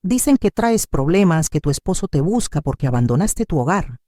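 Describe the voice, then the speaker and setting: A kindly older bakery owner speaks in an uneasy, apologetic way in a told story, as a woman narrator puts him on. The voice moves a lot in pitch and stays mellow and warm. The sound is dry and close. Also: sing-song, moderate pace, dry recording. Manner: uncomfortable, apologetic.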